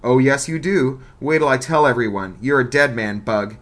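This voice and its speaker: A man voicing a hostile, dim-witted schoolboy bully who taunts and shouts. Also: medium pitch, steady tone, normal speed, close to an everyday voice. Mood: taunting.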